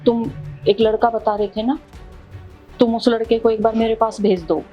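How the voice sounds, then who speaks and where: A woman's voice: fairly high pitch, flat delivery, moderate pace, highs cut off, natural voice. An actress playing a scheming mother-in-law who later begs tearfully for forgiveness, in a melodramatic family drama with faint music underneath. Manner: pleading, repeats "beta" while crying. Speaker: actor in a family drama short. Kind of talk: melodramatic short-film acting.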